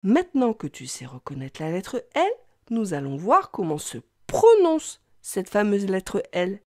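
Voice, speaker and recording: A woman teaching young children to read, talking slowly in an exaggerated, sing-song way. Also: mid-range voice, wildly swooping pitch, darkish tone, dry recording, studio quality. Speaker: reading teacher. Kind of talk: children's reading lesson.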